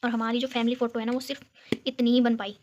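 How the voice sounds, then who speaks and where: Young female home vlogger from Uttarakhand, chatty and giggly, talks to viewers on a phone; highish, even-toned voice. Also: quick pace, background noise. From Uttarakhand, India. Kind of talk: casual chat showing a photo album. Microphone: phone camera.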